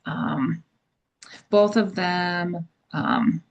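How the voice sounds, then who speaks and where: A woman presenting software in a webinar, explaining features casually with many fillers. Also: lowish voice, drawn-out words, gravelly, highs cut off. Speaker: product presenter. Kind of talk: webinar demo and Q&A.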